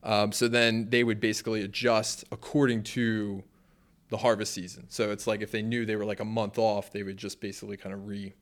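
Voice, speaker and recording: A young man with a fairly low voice talks through church history on a podcast. He rambles, restarts and leans on fillers like "you know" and "like", keeping it loose and conversational. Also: level tone, fairly quick. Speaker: pastor and podcast co-host. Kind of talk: casual podcast discussion.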